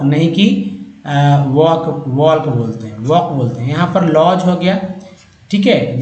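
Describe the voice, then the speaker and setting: A man teaching English phonics, sounding out word parts slowly and repeating each sound several times. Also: sits high, reverberant, rough recording. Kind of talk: explaining phonics on a whiteboard.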